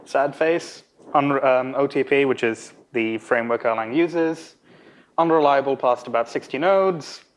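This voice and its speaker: A young man giving an informal technical lightning talk at a podium, with a halting, hesitant delivery. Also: mid-range voice. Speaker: conference speaker. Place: conference room at a podium. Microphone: podium microphone.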